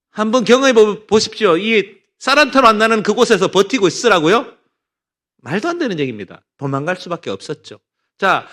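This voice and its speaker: A middle-aged male pastor from North Gyeongsang giving a Bible study sermon, telling stories and asking the congregation rhetorical questions. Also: high voice. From North Gyeongsang, Korea. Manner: animated storytelling with rhetorical questions.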